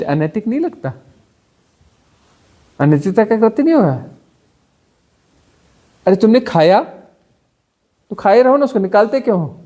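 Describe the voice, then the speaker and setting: A man. He keeps firing rhetorical questions and acts out mocking little examples, rising sharply in pitch when he gets animated. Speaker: spiritual teacher. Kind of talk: satsang discourse.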